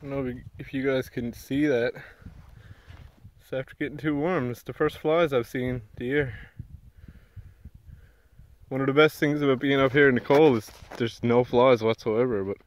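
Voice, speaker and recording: Out in a forest, a young man builds a shelter while chatting to the camera, relaxed and explaining every step as a bushcraft vlogger doing casual narration. He speaks at medium pitch and normal speed, recorded on a handheld or mounted action camera.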